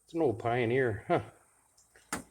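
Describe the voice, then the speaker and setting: A radio hobbyist vlogger talks casually to camera in a medium-pitched voice at a slow pace, relaxed and chatty, thinking aloud as he tinkers in this how-to vlog. A little hiss or hum sits under the audio.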